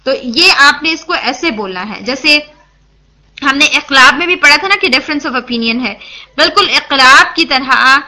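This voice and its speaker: A woman's voice: high voice, pushed and bright. A woman teaching Quran recitation rules, patiently explaining and demonstrating sounds, often checking in with her listeners and mixing English words into her speech. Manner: checks in with listeners, asks and answers her own questions. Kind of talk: tajweed lesson, explaining and demonstrating.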